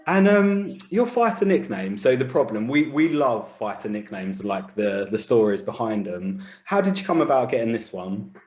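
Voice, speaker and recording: A man's voice: medium pitch, big pitch swings, moderate pace, hardly any pauses, darkish tone, echoey room, lo-fi sound. A British man hosting an interview, asking chatty questions. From United Kingdom. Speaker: interview host. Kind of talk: casual podcast interview.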